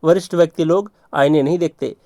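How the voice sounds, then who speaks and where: A man's voice: on the high side, a little fast, a little mellow, no room sound. A man teaching vocabulary tricks for exams, repeating points and checking in with rhetorical questions. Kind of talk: exam vocabulary lesson.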